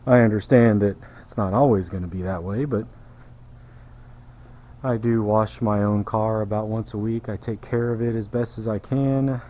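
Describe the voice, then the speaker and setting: A man's voice: fairly low pitch, moderate pace, highs cut off, slight background noise. A middle-aged man, casually narrating his car detailing work in a shop, joking with viewers and a little out of breath. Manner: chatty, self-deprecating, jokey asides to viewers. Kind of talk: casual how-to narration while working.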